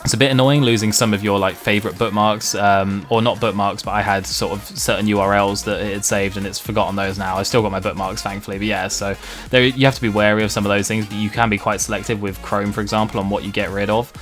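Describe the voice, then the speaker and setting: Fast-talking Home Counties Englishman, slightly nasal. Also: lowish voice, little pitch movement, fairly bright tone, soft background music. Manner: self-deprecating, mildly sweary. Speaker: video game streamer. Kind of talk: casual vlog monologue.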